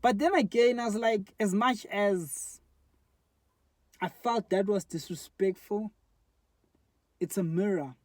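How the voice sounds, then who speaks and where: South african guy in his 20s, rambly honest vlog into a phone, soft mellow voice, dry sound. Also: high voice, slow pace, pauses often, no echo. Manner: rambling and candid, many fillers. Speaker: vlogger. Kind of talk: casual reflective monologue. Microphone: phone front camera.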